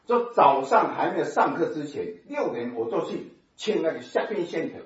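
A man giving a personal testimony sermon, telling his story in an animated way with sound effects. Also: a little high, moderate pace. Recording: echoey hall from far off, dull sound.

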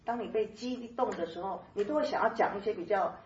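A woman giving a conversational sermon-style Bible teaching, lively and chatty, laughing often and dotting her talk with soft filler particles. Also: mid-range voice, fast talker, reverberant, far from the mic, highs cut off, a little hiss or hum.

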